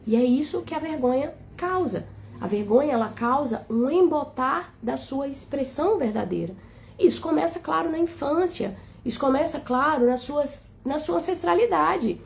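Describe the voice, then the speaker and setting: A woman's voice: high voice, animated, normal speed, gravelly. A woman with a Brazilian Portuguese accent giving a tender, flowing spiritual talk on a live stream, often asking "né?".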